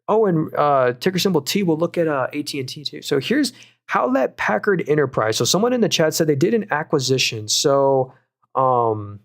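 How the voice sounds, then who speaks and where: A young man with a voice on the high side and lively intonation hosts a stock market livestream, reading viewer comments and discussing stock picks. He's casual and upbeat, with quick asides, lots of fillers and frequent restarts.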